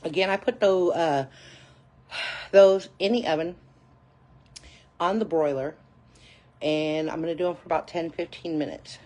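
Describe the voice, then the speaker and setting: A woman with a low, warm voice speaks a little slowly, leaving long pauses. She's hosting a relaxed phone livestream of her cooking at home, chatty with viewers she calls "y'all," and she seems a bit hot and breathless.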